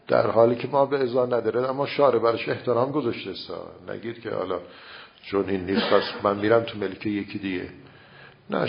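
A man's voice: medium pitch, gravelly. A man giving a seminary-style religious lecture, explaining ideas through rhetorical questions and everyday examples. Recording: dull lo-fi recording.

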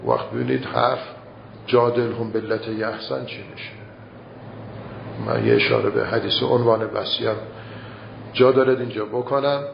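A man with a gravelly, creaky voice delivers a conversational sermon, often posing rhetorical questions. His loudness rises and falls from phrase to phrase. The recording is roomy and a bit dull, with faint noise underneath. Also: medium pitch. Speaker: cleric giving a religious talk.

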